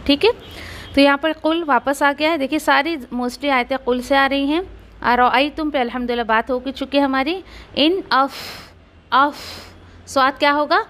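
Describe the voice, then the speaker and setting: A woman teaches Quran recitation. She explains each rule patiently and says words slowly to model them, then repeats them. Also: sits high, fairly bright tone. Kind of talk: tajweed lesson with slow recitation.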